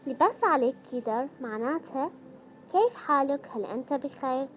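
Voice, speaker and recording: A cheerful Iraqi woman with a high, light voice talks straight to her viewers in a chatty vlog. The sound is a bit dull and lo-fi, with faint room ambience behind her. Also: expressive, a little fast, slight background noise. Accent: Iraqi Arabic. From Iraq. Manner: cheerful, chatty, addresses fans directly. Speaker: vlogger. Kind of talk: casual dialect-challenge vlog.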